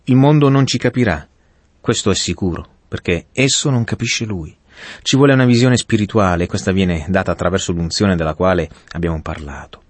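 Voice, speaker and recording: An earnest male preacher with a low voice, delivering a Bible sermon and speaking straight to the listener. The recording is dry and close, with no room sound. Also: a little fast, dry recording. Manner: earnest, addresses listener directly.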